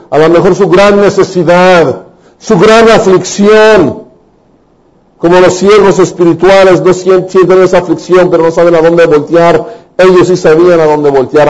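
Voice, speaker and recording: A man preaches a sermon in a high, ringing voice. He tells the Bible stories in an animated way and acts out the voices of the people in them. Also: low-quality recording.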